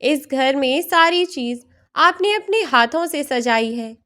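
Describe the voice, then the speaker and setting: A woman voicing a hurt, gentle older mother-in-law in a storybook tale, speaking in a pleading way. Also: high voice, expressive, slow pace, exaggerated voice.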